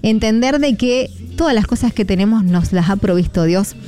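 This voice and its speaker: Warm-voiced Argentine woman radio host. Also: mid-range voice, animated, moderate pace, soft background music. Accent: Argentine Spanish. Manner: rambling, hesitant, many fillers, encouraging. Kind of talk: devotional talk on air.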